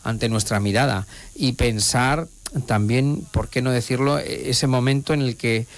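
A man's voice: mid-range voice, unhurried. A middle-aged man from Spain, a radio station director, talking at length in an eloquent, discursive way with frequent restarts. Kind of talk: reflective radio conversation.

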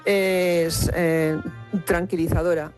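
A woman's voice: fairly low pitch, little pitch movement, slow, over music. A woman in her seventies leaving a radio message, plain-spoken and colloquial. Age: 70s. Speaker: caller.

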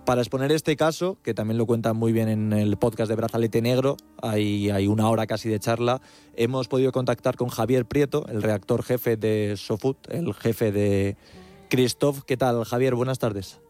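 Male radio host, sports show, interview setup, mid-pitched voice, light music underneath. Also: fairly even intonation, moderate pace, warm tone.

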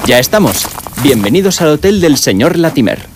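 An actor playing a polite, unflappable and pedantic chauffeur in an audio drama, speaking formally and deliberately. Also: male voice, fairly high pitch, sing-song, background noise. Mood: servile.

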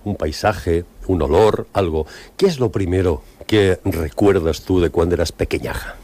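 A man's voice: low voice, normal speed, darkish tone. A man hosting a radio interview, reading a scripted introduction and then chatting with filler words. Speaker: radio host.

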